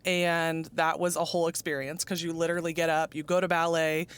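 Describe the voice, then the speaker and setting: A woman's voice: low voice, little pitch movement, a little fast, clear, resonant tone. A woman in her forties from Arizona, chatting as an interview guest about her dance ministry, upbeat and often laughing. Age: 40s. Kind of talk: casual chat.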